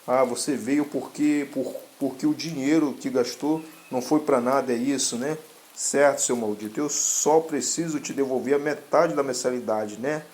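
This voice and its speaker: Um diretor de academia ríspido e desdenhoso, feito por um homem, que insulta com desprezo. A voz masculina fica em altura média, quase sem disfarce. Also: male voice, mid-range voice, normal speed, a little mellow, lightly acted. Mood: scornful. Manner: scornful, insulting. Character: harsh, contemptuous male academy director.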